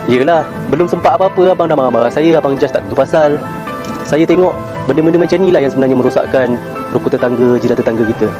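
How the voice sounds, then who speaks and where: A man's voice: mid-range voice, quick pace, lightly acted. A young man playing a neighbour who is mockingly polite and lecturing. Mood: needling. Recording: skit clip with music behind.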